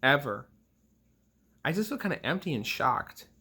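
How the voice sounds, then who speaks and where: A young man in his twenties talks straight to his viewers in a rambling, emotional rant, swearing freely and restarting his sentences. His voice sits a little high for a man and has a bright, tense edge. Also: big pitch swings, normal speed, gravelly, slightly rough. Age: 20s. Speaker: gaming vlogger. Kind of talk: casual rant to camera.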